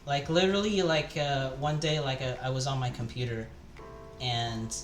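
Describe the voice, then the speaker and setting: A cooking streamer from Taiwan, a young man, makes casual, meandering conversation on a live stream as he prepares food at home. His voice is medium-pitched, his intonation fairly even, his speed normal, and he keeps restarting and filling gaps. Background music and chopping echo through the room.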